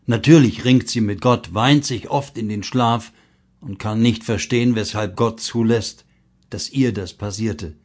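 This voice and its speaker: A man's voice: fairly low pitch, measured pace. Earnest man reading a devotional text. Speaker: reader of a blog article.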